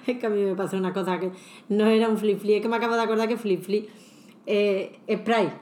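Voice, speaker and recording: Animated Andalusian woman chatting. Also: medium pitch, brisk, roomy sound. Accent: Andalusian Spanish. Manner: animated storyteller who laughs often. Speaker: podcast co-host. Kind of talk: casual chat.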